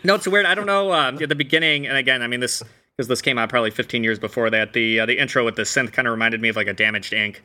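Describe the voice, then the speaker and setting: A man co-hosting a podcast, talking haltingly while fighting the hiccups. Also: medium pitch, pushed and bright. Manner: halting, searching for words. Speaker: podcast co-host.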